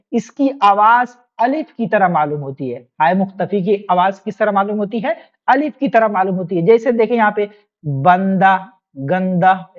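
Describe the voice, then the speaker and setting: This is a woman leading an online exam-prep class at a medium pitch, and the audio sounds muffled. She's patient, repeating every point and firing off short questions to the students.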